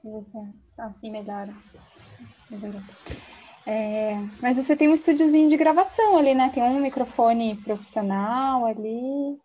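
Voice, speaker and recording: A woman's voice: on the high side, normal speed, mellow. A woman, an event organizer chatting casually before a live online event over small earphones. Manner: chatty, conversational. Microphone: headset earphones. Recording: dull lo-fi sound with faint noise.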